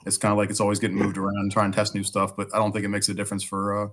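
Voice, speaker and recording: A man chatting casually as a guest, his voice raspy like a smoker's and hoarse from bronchitis, as he fights back a cough. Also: on the low side, monotone, rapid-fire, a bit bright. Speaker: guest, firefighter and podcaster. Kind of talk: casual chat.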